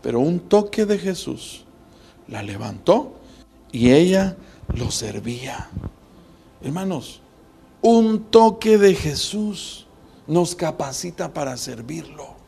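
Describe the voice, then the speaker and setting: High-pitched gravelly preaching man. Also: animated, slow, long pauses, warm tone, slight background noise. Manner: preaching with rising emphasis and rhetorical questions. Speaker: pastor. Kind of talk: sermon.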